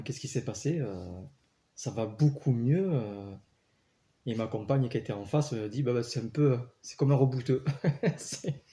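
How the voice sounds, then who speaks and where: A man with a warm, mid-range voice casually tells personal stories in an earnest way, full of fillers and restarts. It comes across as casual spoken testimony with an earnest, storytelling manner.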